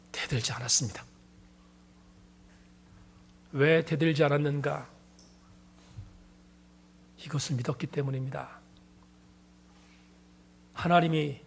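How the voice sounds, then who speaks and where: Male pastor, middle-aged, emphatic sermon delivery; raised pitch with a gravelly edge. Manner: earnest, emphatic testimony.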